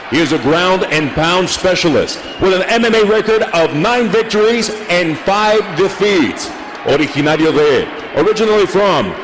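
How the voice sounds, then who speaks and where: A man with a high-pitched voice works as a bilingual fight ring announcer. His delivery is showy, lucha libre style, with drawn-out names. There is faint noise behind him. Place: live fight arena.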